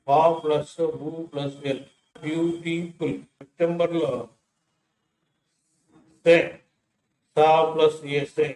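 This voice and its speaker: A man's voice: a little high, darkish tone, slight background noise. A man teaching English pronunciation, splitting each word into its sounds and repeating them one by one. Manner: slow, breaks words into sounds and repeats them. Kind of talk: syllable-by-syllable pronunciation lesson. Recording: echoey room.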